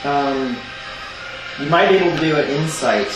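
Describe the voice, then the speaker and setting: Dm guy narrating a tabletop game, slightly high voice, super echoey room with music under it. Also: moderate pace, recorded from a distance. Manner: calm, explains rules with fillers. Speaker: game master.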